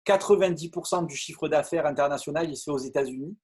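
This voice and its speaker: A middle-aged man from France, speaking in a somewhat high, husky voice. He tells his story to a crowd with eager energy, stumbling and repeating words as he goes. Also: quick pace. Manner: lively, repeats words and stumbles, many fillers. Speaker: network marketing speaker. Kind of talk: animated storytelling talk to an audience.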